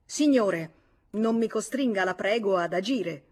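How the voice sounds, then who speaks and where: A woman's voice: medium pitch, normal speed, lightly acted. A woman reading aloud, voicing a stern, formal male police commissioner in an audiobook. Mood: insistent. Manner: formal, authoritative, insistent.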